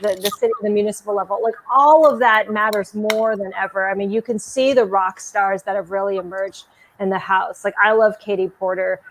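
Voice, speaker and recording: A woman's voice: mid-range voice, steady tone, a little fast, a little hiss or hum, rough recording. A woman podcaster talking emphatically and chattily, with many likes, in a casual discussion over a video call.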